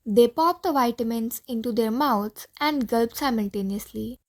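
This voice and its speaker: Woman, audiobook narrator, stage directions, clear steady reading, slightly high voice. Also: moderate pace.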